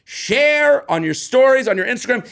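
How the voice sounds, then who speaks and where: A man in his thirties, a comedian co-hosting a podcast, chatting casually and rambling excitedly as he promotes his work. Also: very high-pitched, normal speed, vocal fry. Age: 30s.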